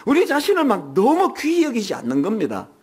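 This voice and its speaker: High-voiced, lively older male pastor. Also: fairly quick, slightly rough. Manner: conversational preaching with personal anecdotes and humor; frequent rhetorical questions to the congregation. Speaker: senior pastor. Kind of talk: Sunday sermon. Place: church sanctuary.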